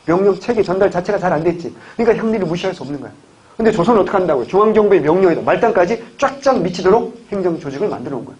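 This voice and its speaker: A man's voice: high voice, animated, rapid-fire, darkish tone. A man from the Gyeongsang region teaching an exam-prep history lecture, constantly asking questions and answering them himself. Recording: dull lo-fi recording, faint hiss.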